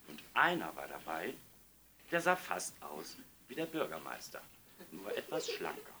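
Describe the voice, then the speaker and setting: A man reading a children's story aloud in an expressive, playful way. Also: low voice, unhurried, slight background noise.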